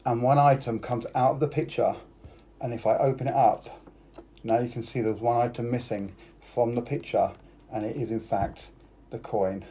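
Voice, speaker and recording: Here a British children's party magician, live-streaming his show, speaks in a mid-range voice with a steady, dark tone at normal speed. His patter guides the kids through each trick and encourages them to take part.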